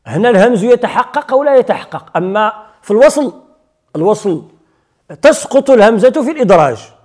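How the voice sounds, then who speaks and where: Moroccan sheikh giving a recitation lesson, fairly high voice, explains step by step and throws questions at the class. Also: male voice, big pitch swings, fairly quick, darkish tone. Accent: Moroccan Arabic. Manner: explains step by step, asks students rhetorical questions, recites verses in between. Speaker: Quran recitation teacher. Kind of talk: lecture on recitation rules.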